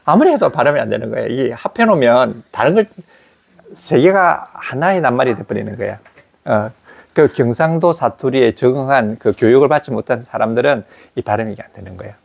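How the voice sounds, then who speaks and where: Male grammar teacher, mid-pitched, drills phrases by repetition. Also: lively intonation, vocal fry. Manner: explains slowly, drills pronunciation with repetition. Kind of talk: classroom grammar lesson.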